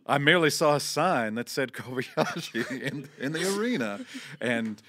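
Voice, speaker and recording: A man's voice: high-pitched, unhurried, pushed and bright. A man improvising as a sly schemer who dodges questions with stammers and laughing asides. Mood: smug. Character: sly male schemer, shifty mastermind. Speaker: improv performer.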